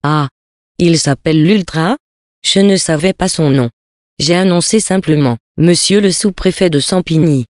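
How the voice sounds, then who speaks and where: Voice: medium pitch, a little slow, darkish tone, dry recording, studio quality, natural voice. A reader voicing a brazen, gossipy young chambermaid in a storybook reading. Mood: cheeky. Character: cheeky young female chambermaid.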